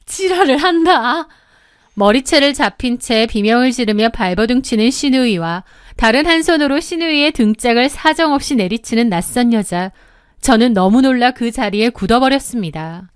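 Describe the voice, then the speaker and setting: A woman narrates a first-person drama with indignant, vivid delivery. Her voice sits a little high and sounds smooth and clear. The recording is dry and close. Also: normal speed, no room sound. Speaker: storyteller.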